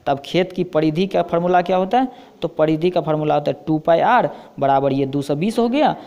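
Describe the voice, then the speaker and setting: A man's voice: on the high side, a little fast, warm tone, dull audio. A man with a Bihari Hindi accent teaching maths, explaining step by step and asking himself questions as he goes. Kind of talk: blackboard lesson.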